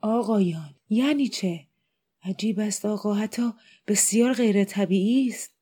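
A woman's voice: mid-range voice, dark tone, natural voice. Woman voicing an indignant pompous bank director. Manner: offended and formal.

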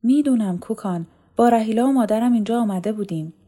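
Woman narrator voicing a mellow middle-aged woman, wistful and reminiscing, audiobook. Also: a little high, pitched above the performer's own voice, close to an everyday voice. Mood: subdued. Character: middle-aged woman remembering her dead sister.

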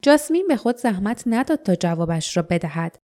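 Woman narrating an audiobook in a mellow voice. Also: mid-range voice, very animated. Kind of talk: scripted narration.

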